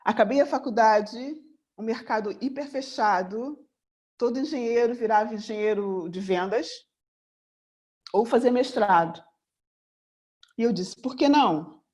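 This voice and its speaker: A woman's voice: fairly high pitch, measured pace, pauses often, darkish tone. A Brazilian woman from Rio in her fifties addresses a room as a mentor and therapist. Her talk is earnest and motivational, and she keeps coming back to the same rhetorical question. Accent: Brazilian Portuguese. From Rio de Janeiro, Brazil. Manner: earnest, returns again and again to one rhetorical question. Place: room before a live audience.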